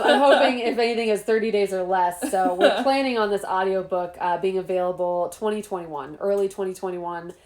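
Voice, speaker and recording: A woman author hosting a casual chat at home, bubbly and laughing often with animated asides. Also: mid-range voice. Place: home room. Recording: echoey room.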